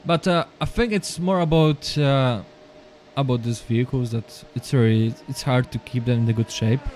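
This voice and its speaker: Slight background noise accompanies this live esports race commentary by a man with a medium-pitched, darkish voice. A native Polish speaker using non-native English, he commentates the sim racing session haltingly and apologetically. He often repeats words and restarts his sentences.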